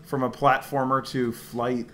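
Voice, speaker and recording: A man's voice: mid-range voice, little pitch movement, measured pace, fairly bright tone. Young man chatting while gaming. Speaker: video game let's player. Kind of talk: casual chat while playing. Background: faint game music.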